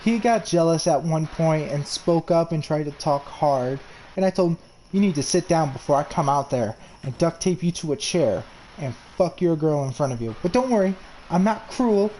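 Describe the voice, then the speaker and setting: A man in his early twenties from New York, a gamer in voice chat, tells crude, boastful stories casually and keeps restarting himself. His voice sits on the high side with lively intonation, a moderate pace and a dark tone. The audio is poor, with slight background noise.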